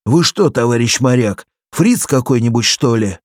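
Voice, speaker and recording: A man's voice: medium pitch, lively intonation, normal speed, no echo, studio quality, voice pushed up, lightly acted. A man voicing a simple, clumsy village militiaman who keeps making excuses. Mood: defensive.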